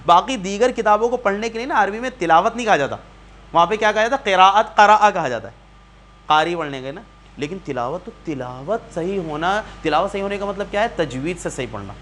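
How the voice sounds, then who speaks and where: A man's voice: high voice, lively intonation, a bit bright, slight background noise. A man teaching a community Quran class, patiently quizzing students and repeating key points. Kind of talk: classroom lesson.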